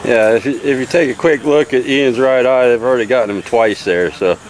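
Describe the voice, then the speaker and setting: A man, a beekeeper casually explaining a bee removal outdoors in a relaxed, plain-spoken way with many fillers. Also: medium pitch, fairly quick, poor audio. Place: outdoors beside a house wall. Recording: outdoor noise in the background.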